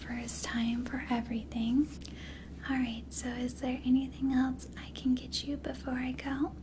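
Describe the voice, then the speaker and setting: A young woman playing an attentive, gentle flight attendant in a soft, soothing whispered role-play. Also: on the high side, background noise, natural voice. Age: young adult. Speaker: ASMR performer.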